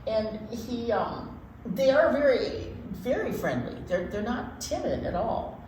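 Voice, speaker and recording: Hosting a children's storytime, a woman reads aloud with very lively, swooping intonation, blending simple reading with folksy, casual explanations and repeating words for emphasis. Her voice is on the high side and slow. The echoey room has some faint noise.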